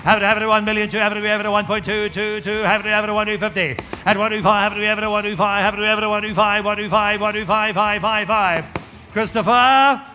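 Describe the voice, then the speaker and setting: A man working as an auctioneer, rattling out repeated numbers and calls in a rapid chant to urge bidders on. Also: high-pitched, little pitch movement, bright, forceful tone, a little hiss or hum. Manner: rattling, repetitive calling, urging bidders. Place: large auction hall. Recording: echoey hall PA with background music.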